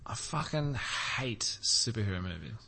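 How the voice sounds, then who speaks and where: A man's voice: on the low side, animated, moderate pace, vocal fry, sharp tone, slight background noise. A man co-hosting a podcast in casual chat, dry and sarcastic, laughing at his own jokes. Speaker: podcast co-host.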